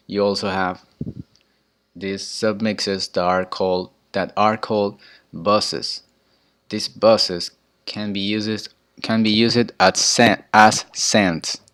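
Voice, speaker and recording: A man's voice: lowish voice, a bit bright. A man from Ecuador, giving an informal tutorial and explaining step by step, often restarting his phrases. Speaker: student presenter. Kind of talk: informal tutorial on audio mixing.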